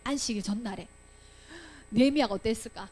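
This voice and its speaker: A high-voiced woman leads a children's Bible lesson in an animated way. She keeps asking the children questions and acts out the voices of the people in the story. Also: a little fast. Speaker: Sunday school teacher.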